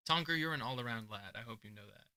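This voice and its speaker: A young man hosting his channel and judging beatbox entries in casual reaction commentary, chatty, laughing often, and shifting between mumbled asides and loud remarks. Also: medium pitch, lively intonation, fast. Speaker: beatbox judge and channel host. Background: beat music playing.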